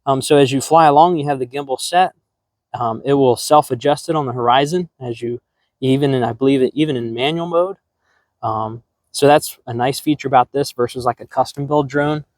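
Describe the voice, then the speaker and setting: A man's voice: medium pitch, brisk, no echo. A middle-aged man hosting a drone hobby channel, talking casually to camera with lots of ums and restarts. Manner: relaxed, rambling, many ums and restarts. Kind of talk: casual product talk to camera.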